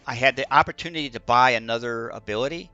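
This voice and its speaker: A man's voice: mid-range voice, fast talker, bright, forceful tone, dry recording. A man playing a game and hesitantly second-guessing his own choices in casual chat. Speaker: channel host playing the game. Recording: dull lo-fi sound with faint music.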